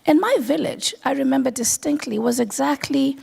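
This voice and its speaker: A woman from Kenya speaking on a conference panel, earnest and personal, pausing often with "um". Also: high-pitched, vocal fry, mellow. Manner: earnest, personal, with frequent "um" pauses.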